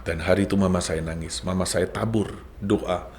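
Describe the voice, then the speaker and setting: A man's voice: low voice, fairly even intonation, normal speed, darkish tone, slight background noise. A middle-aged man telling his personal faith testimony in an earnest, heartfelt way, slipping in a few English words. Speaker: guest sharing a conversion testimony.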